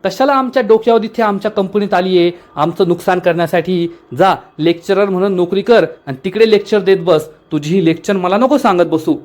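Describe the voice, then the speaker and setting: A furious, scornful woman boss, as a man reads her lines aloud. Her voice sits high and she scolds and taunts without letting up. The tone stays plain and spoken, like a storyteller recounting a TV serial. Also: fairly quick, few pauses, darkish tone, close to an everyday voice. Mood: angry scolding.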